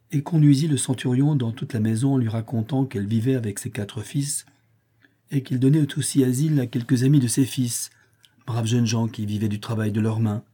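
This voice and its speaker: A man reading a historical novel aloud as an audiobook narrator, steady and measured. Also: mid-range voice, breathy edge.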